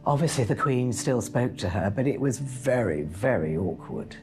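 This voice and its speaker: A woman's voice: extremely low pitch, animated, normal speed, darkish tone, soft background music. Woman recalling events, hesitant. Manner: conversational, hesitant with fillers and restarts. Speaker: interviewee, royal commentator. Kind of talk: documentary interview recollection.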